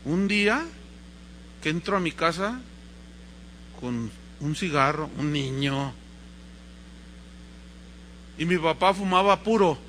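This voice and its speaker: A man with a Mexican accent preaching a sermon, telling a story in a lively way and acting out the voices. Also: fairly high pitch, slow pace, pauses often, slight background noise. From Mexico, Guadalajara. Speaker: pastor.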